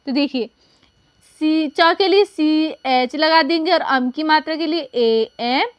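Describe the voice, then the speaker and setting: A woman teaching a slow classroom spelling lesson, drawing out each letter and asking and answering her own questions. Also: sits high, no echo.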